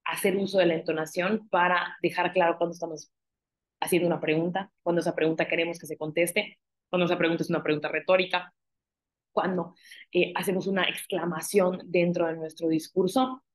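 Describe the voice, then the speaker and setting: Woman lecturer, lowish voice, talks through points with fillers and tag questions. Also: little pitch movement, fairly quick. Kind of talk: recorded online lecture.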